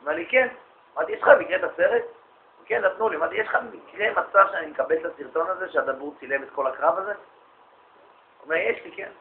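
Male lecturer, higher-pitched voice, spins anecdotes and plays out the dialogue, recorded lo-fi and phone-like. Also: vocal fry, reverberant, slight background noise. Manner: lively anecdotal storyteller, acts out quoted dialogue. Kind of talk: storytelling lecture to an audience.

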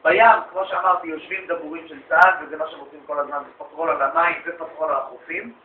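Male lecturer, higher-pitched voice, spins anecdotes and plays out the dialogue, recorded lo-fi and phone-like. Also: reverberant, a little hiss or hum. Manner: lively anecdotal storyteller, acts out quoted dialogue. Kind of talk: storytelling lecture to an audience.

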